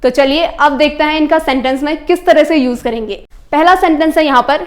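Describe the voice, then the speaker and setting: A woman with a high, clear voice explains English grammar to her viewers, whom she calls friends. She dictates example sentences slowly and spells words out letter by letter. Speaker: English teacher.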